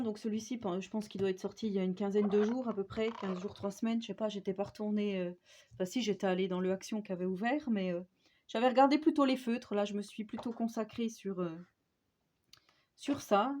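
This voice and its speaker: A woman's voice: mid-range voice, a little fast, warm tone. A woman with a Franche-Comté accent, chatting casually in a haul vlog as a crafting YouTuber and peppering her talk with little tag words. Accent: Franche-Comté French. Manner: chatty, with frequent "euh" and "hein" tags.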